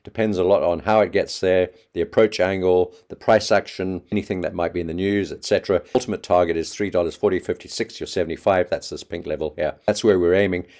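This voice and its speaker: A man giving a quick, chatty trading market update, talking fast and offhand. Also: low-pitched, fairly even intonation, darkish tone. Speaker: market analyst.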